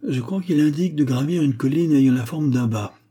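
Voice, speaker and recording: Man putting on a pompous, excitable scholar. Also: fairly high pitch, a little fast, breathy edge, voice pushed up. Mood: bantering. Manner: lecturing, indignant.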